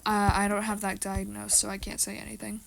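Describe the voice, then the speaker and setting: A woman's voice: medium pitch, monotone, brisk, gravelly, very noisy. A teenage girl chatting casually about a musical's characters, rambling with lots of fillers and restarts. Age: teens. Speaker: co-host of a rating video. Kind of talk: casual chat.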